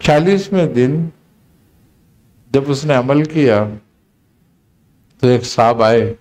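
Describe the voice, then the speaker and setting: A man, a spiritual teacher, telling a story in a relaxed conversational talk and acting out the quoted dialogue. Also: medium pitch. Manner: unhurried, recounting with quoted dialogue.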